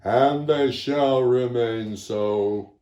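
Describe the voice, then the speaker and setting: A man voicing a scary, stern old male gila monster in a storybook tale, speaking slowly and solemnly. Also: medium pitch, highs cut off. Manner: slow, loud and solemn. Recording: roomy echo.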